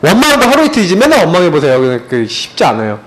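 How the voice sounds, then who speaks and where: A man in his thirties preaching as a pastor in a church, animated and storytelling, with many rhetorical questions. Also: fairly high pitch, quick pace. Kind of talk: sermon. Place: church sanctuary.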